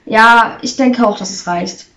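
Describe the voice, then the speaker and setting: A woman's voice: a little high, a little slow, echoey room. Woman doing a timid, nervous husband. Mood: cautious. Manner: quiet, cautious and dry. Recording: slightly distant, muffled recording.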